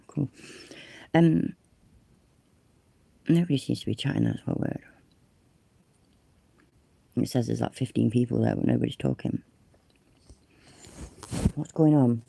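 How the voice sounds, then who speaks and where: A woman livestreaming casually from her phone, stuffed up with a cold, chats away, swears freely and jokes at her own expense. She speaks in a rumbling low, sing-song voice, slowly and creakily, with long pauses, a mellow quality and a breathy edge; there's no room sound.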